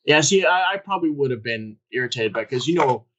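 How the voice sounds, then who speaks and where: A man's voice: medium pitch, expressive, brisk, fairly bright tone, muffled recording. Blunt, candid man chatting about comics. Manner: candid, swears casually, meandering with fillers. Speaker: podcast co-host. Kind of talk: casual chat about comics.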